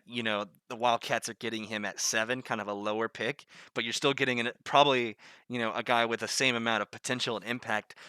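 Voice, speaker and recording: A man's voice: mid-range voice, bright, forceful tone, clean tone, dry recording, clean studio sound. A man with a Southern US accent hosting a casual panel talk, rambling with lots of fillers. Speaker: podcast host.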